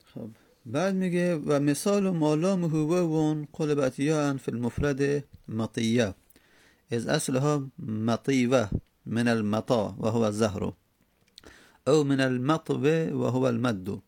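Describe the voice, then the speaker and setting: Gravelly-voiced man teaching Arabic grammar. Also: mid-range voice, darkish tone, no room sound. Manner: explains step by step, repeats words slowly to drill them. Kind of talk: classroom lecture on Arabic morphology.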